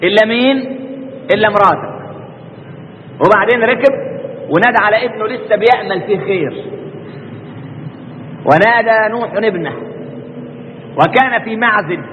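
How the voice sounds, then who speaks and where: A man's voice: sits high, moderate pace, pauses often, big-room sound, muffled recording, a little hiss or hum. A man with an Egyptian accent preaching a colloquial religious lesson, constantly posing rhetorical questions and answering them himself. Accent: Egyptian Arabic.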